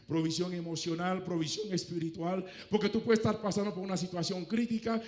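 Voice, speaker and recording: A male pastor preaching a lively sermon, acting out conversations between God and a prophet. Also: extremely high pitch. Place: church. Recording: echoey church hall.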